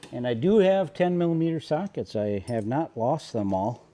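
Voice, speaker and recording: A man's voice: medium pitch, very animated, moderate pace, mellow. A man narrating a casual how-to while working in his own vehicle, with a wry, self-deprecating, muttering manner. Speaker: DIY car vlogger.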